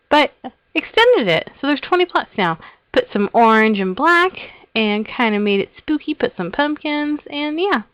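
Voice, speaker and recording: Woman, casual vlogger, giggly and rambling, mid-pitched, dry close recording. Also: fairly bright tone, no echo, poor audio. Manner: chatty, giggly, self-interrupting. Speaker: Minecraft server host giving a tour. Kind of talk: casual rambling vlog narration.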